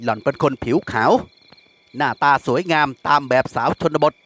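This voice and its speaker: A man narrating a novel aloud in a lively storytelling manner. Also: mid-range voice, moderate pace.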